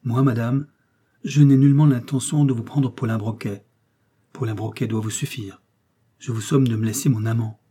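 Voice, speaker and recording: A man's voice: medium pitch, fairly even intonation, normal speed, dark tone, slightly rough, close to an everyday voice. A man voicing a jealous, furious young woman who hisses her threats in an audiobook. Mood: spiteful. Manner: hissing, spiteful, menacing. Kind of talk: audiobook character reading.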